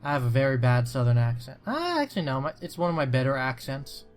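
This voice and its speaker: A man's voice: medium pitch, sing-song, fast talker. Man, let's play host, casual gaming chat, hesitant with fillers, faint music behind. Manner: loose, hesitant, full of fillers.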